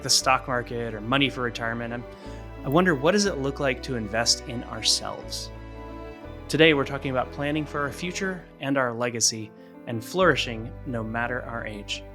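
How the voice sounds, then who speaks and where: A male podcast host with an earnest, reflective delivery. His voice sits in the middle range. Plucked guitar music plays clearly behind him throughout. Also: medium pitch. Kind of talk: scripted podcast intro and interview.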